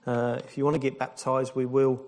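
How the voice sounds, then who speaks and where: A man gives a relaxed baptism sermon, dropping in jokes, fillers and restarts as he goes. He speaks at an everyday middle pitch, addressing a church congregation. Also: a little fast. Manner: informal, jokey preaching with fillers and restarts. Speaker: pastor.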